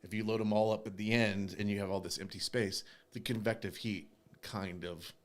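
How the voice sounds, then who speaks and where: A man co-hosts a barbecue podcast, chatting casually and walking through things step by step, often restarting his sentences. His voice is fairly low and steady, and he speaks at a moderate pace.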